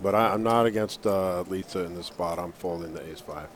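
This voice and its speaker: A man's voice: low voice, a little fast, crowd noise. A man commentating live poker from a booth, giving firm verdicts on each play. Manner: decisive, affirming calls.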